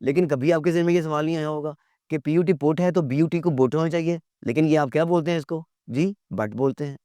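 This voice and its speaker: A man teaching a lecture, asking rhetorical questions and answering them himself, spelling words out slowly letter by letter. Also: a little high, mellow, dry recording.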